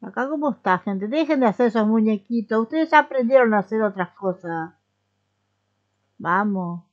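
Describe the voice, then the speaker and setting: A woman's voice: fairly high pitch, animated, moderate pace, dull audio. A young woman with a Rioplatense Spanish accent, chatting casually as she plays a life simulation game and talks to the characters. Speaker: gaming streamer. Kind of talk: casual gameplay commentary.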